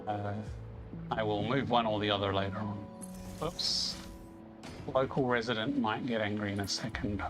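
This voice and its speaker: A man's voice: on the low side, steady tone, moderate pace, long pauses, over music. A man giving casual gameplay commentary, thinking aloud in a self-deprecating way as he hosts. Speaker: gaming video host.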